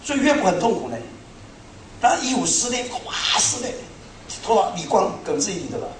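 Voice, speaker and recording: A middle-aged man preaching a sermon to a congregation, telling stories in an animated, self-mocking way. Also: high voice, fairly quick, a little hiss or hum. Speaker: pastor. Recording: echoey hall, speaker far from mic.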